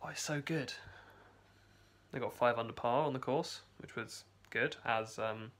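A man's voice: mid-range voice, unhurried, a bit bright. A young man chatting casually to a phone camera in his home basement, rambling with many restarts and fillers. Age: young adult. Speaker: vlogger. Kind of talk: casual video diary. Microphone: phone camera held close.

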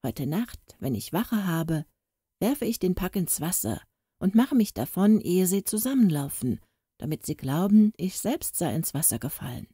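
A woman voicing an old male boatswain, loyal and secretive, speaking in a hurried, lively way in a storybook reading. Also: fairly low pitch, slightly rough, no room sound, studio quality. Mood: urgent.

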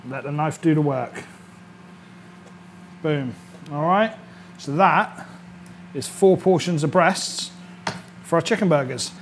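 He's a British man in his thirties, a chef fronting a cooking series from an indoor kitchen studio set, with a fairly high voice. He takes things slowly and pauses often, chatting and instructing through an informal demonstration while often checking "all right?" There's a little hiss or hum.

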